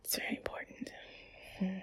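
A young woman whispering in a close ASMR chat, often giggling and sighing softly. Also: moderate pace, rough recording. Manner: soft whispering with frequent giggles and sighs. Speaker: ASMR creator.

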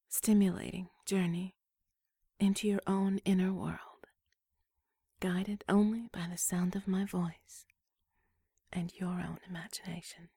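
A woman whispering a slow, soothing guided relaxation script in a breathy, hushed voice. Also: mid-range voice, dry recording, studio quality.

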